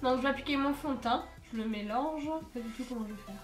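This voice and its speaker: Soft music plays in an echoey room as a teenage beauty vlogger, congested with a cold, talks quickly through a makeup tutorial at home. Her voice is a little high, and she's chatty and rambling, with many fillers.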